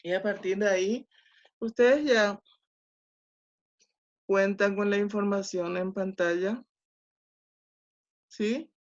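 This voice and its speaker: Slow, deliberate woman teacher. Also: medium pitch. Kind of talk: online class lecture. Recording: dull lo-fi online class audio.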